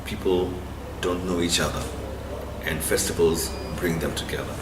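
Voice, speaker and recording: Male interviewee, Kenyan accent, low-pitched, halting conversational delivery; recorded off-mic with noticeable background noise. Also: fairly even intonation. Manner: halting, often repeats and restarts phrases. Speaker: interviewee, literary blogger. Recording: distant, echoey, noisy room.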